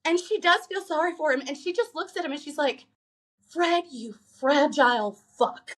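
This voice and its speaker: High, animated woman podcast co-host. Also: quick pace. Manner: animated, swears, acts out movie lines. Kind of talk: casual chat.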